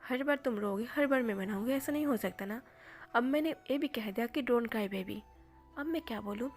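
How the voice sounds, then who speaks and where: A woman voicing a calm young man who teases and scolds his crying best friend in an offhand way. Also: a little high, moderate pace, soft background music, lightly acted. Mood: dry, teasing. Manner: dry, offhand, teasing.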